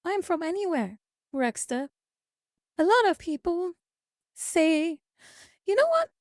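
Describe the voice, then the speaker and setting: A VTuber streamer with a very high-pitched, darkish voice talks casually to her live viewers at a slow pace but with lots of animation. She reads their comments out loud and lectures them. The studio-quality recording is dry.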